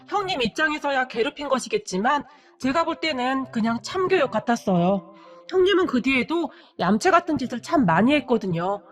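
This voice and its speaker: A woman narrating a family drama story in a gossipy, retelling manner. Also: sits high. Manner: gossipy, recounting hearsay.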